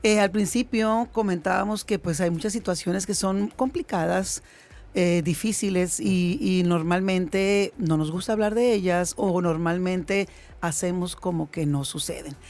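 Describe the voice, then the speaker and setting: A woman's voice: fairly low pitch, unhurried, a little mellow. A woman, hosting an interview in a casual conversational way, with many fillers and restarts. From Mexico. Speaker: host.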